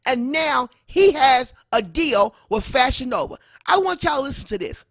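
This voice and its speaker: American woman, high pitch, gossip reaction host, emphatic, scolding, repetitive phrasing. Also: expressive, normal speed, a bit bright. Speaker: commentary host.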